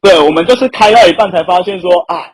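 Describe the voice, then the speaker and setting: A young man with a Taiwanese accent and a fairly high, noticeably husky voice. He tells anecdotes in a casual, conversational way, as a guest who often chuckles along. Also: fast talker. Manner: often chuckles while telling stories. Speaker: podcast guest. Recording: rough amateur podcast audio.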